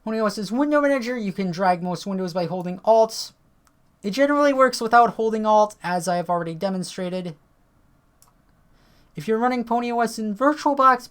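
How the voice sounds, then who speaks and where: At her computer, a tech video creator walks through software and reads on-screen text aloud. Her medium-pitched voice sounds tired, and she chats casually with the occasional swear.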